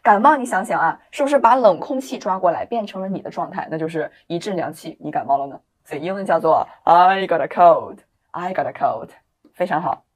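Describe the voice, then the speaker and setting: A woman with a slightly low voice leads an English video lesson, encouraging her learners as she goes. She reads each example sentence slowly and clearly so they can repeat after her. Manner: explains in lively, encouraging classroom talk. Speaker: English teacher.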